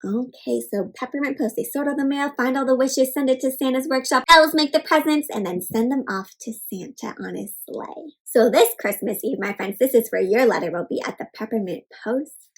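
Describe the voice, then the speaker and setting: A teacher hosting an interactive read-aloud for kids speaks in a high voice at a moderate pace. She asks questions along the way and breaks down words simply.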